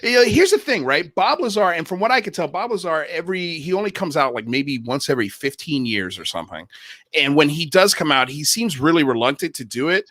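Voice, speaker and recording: A man hosting a casual live-stream panel chat, talking in a lively, emphatic way and laughing easily. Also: fairly high pitch, fairly quick, dry recording. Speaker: host.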